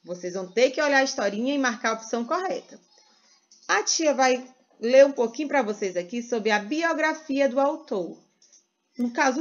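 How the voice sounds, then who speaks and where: A Brazilian woman teaching first graders in a sing-song way, stretching words slowly for small children. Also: sits high, highs cut off. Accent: Brazilian Portuguese. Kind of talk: teaching a recorded lesson to young children.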